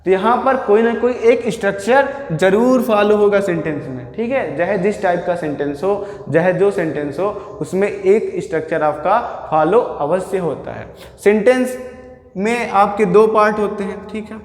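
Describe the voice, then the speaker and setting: A man's voice: high-pitched, moderate pace. A male teacher giving a grammar lecture to a class. He asks questions, answers them himself and keeps checking in with the students. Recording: echoey hall with long reverb.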